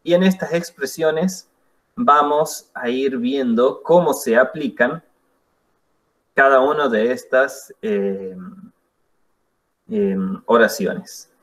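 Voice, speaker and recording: A man teaching an English class, explaining slowly and patiently with spoken examples. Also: mid-range voice, a bit bright. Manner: slow, patient explaining with demonstrations. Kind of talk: classroom lesson.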